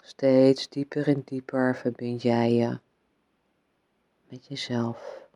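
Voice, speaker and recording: Male meditation guide: very slow, soft, soothing delivery, close and dry sound. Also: medium pitch, little pitch movement, no room sound. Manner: soothing, unhurried phrasing with long pauses, gently instructing.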